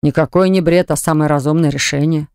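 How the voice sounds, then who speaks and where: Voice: mid-range voice, fairly even intonation, a little fast, darkish tone, smooth, no room sound, studio quality, lightly acted. Narrator doing a bossy, commanding grown man. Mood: aggrieved. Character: domineering grown man, pushy lover. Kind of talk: audiobook character voice.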